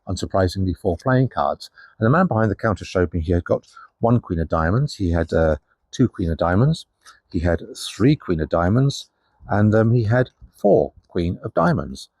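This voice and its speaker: Older magician with a low husky voice. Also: male voice, expressive, normal speed, a little mellow, no echo. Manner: chatty, patter-filled with ums and asides. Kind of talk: casual card trick demonstration. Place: indoors at a table, facing a camera with a monitor.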